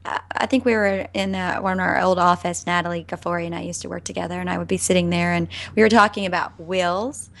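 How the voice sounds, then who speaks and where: A woman's voice: on the low side, fairly even intonation, fast talker, vocal fry, hardly any pauses. A young adult woman, co-hosting a podcast and telling rambling, giggly stories in casual chat. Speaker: podcast co-host.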